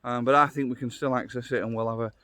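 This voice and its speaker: On a wooded trail outdoors, a middle-aged man with a Yorkshire accent narrates a casual walking vlog into a phone held at arm's length, thinking aloud in a chatty, down-to-earth manner as a vlogger and walking guide. His voice is medium-pitched and fairly bright, with fairly even intonation, and he talks fast.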